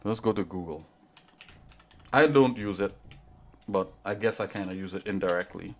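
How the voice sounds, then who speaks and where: A man's voice: low-pitched, normal speed. A man hosting a casual livestream tutorial, rambling and chatting straight to his viewers from a home setup. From Trinidad and Tobago. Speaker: livestream host.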